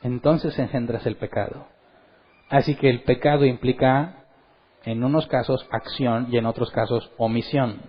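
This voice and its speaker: A man's voice: mid-range voice, moderate pace, breathy edge, muffled recording. A man teaching a Bible study as pastor, asking his listeners questions and acting out quotes. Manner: animated, asks the audience questions and acts out quotes. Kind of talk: sermon-style Bible teaching.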